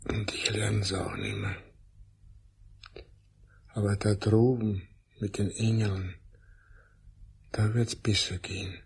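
A man's voice: fairly low pitch, flat delivery, slow pace, pauses often, darkish tone, a little hiss or hum. A man playing a resigned, sad old puppeteer father in an audio drama, with a southern German accent. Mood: weary, resigned.

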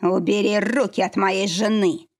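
A woman's voice: mid-range voice, fairly even intonation, unhurried, darkish tone. A woman reading the lines of a furious male werewolf defending his wife, fierce and growling.

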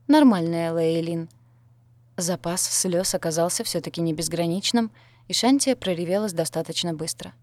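Female audiobook narrator, lowish voice, dry close recording, measured and wry. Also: darkish tone, no echo. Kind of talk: first-person audiobook narration.

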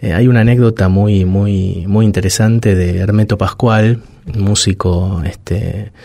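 A man's voice: fairly low pitch, warm tone, no room sound. A man, a psychologist guest giving reflective answers in an interview, thoughtful and hesitant, restarting often and sounding out baby babble. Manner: demonstrates baby babble aloud.

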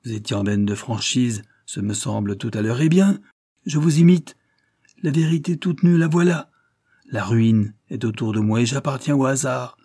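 A man's voice: medium pitch, fairly even intonation, moderate pace, mellow, no room sound, studio quality, lightly acted. A man reading an audiobook and voicing a passionate young society woman who speaks with vehemence, first pleading, then scornful.

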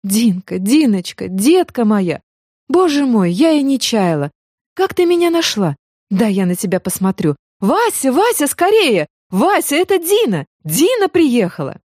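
A woman's voice: fairly high pitch, sing-song, moderate pace, darkish tone, no room sound, clean studio sound, pitched above the performer's own voice. A woman reading as an effusive, fussing older mother. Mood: overjoyed. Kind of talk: audiobook character reading.

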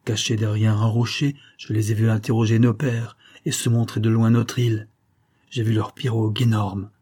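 Man reading an old doom-saying sorcerer, husky and mellow, solemn. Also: on the low side, level tone, moderate pace. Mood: despairing. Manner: solemn, prophetic warnings.

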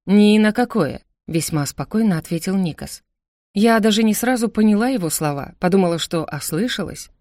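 A woman narrating a first-person audiobook story in a steady, reflective way into a close studio mic. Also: medium pitch, fairly quick, no echo.

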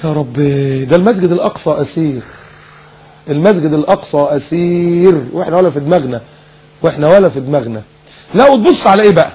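Male Egyptian preacher, husky, slightly high voice, animated and sarcastic sermon delivery. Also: racing. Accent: Egyptian Arabic. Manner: animated, mocking, rhetorical questions, mimics others. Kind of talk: recorded sermon lecture.

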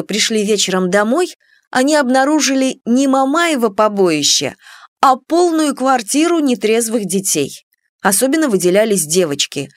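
A woman's voice: fairly high pitch, no echo. A woman reading an audiobook, expressively, lifting her voice for the characters' lines. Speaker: audiobook narrator. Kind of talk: scripted audiobook narration.

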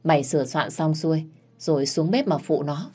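A woman's voice: low-pitched, expressive, normal speed, mellow, slightly rough. A woman voicing a bossy middle-aged head servant who barks curt orders. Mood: scolding.

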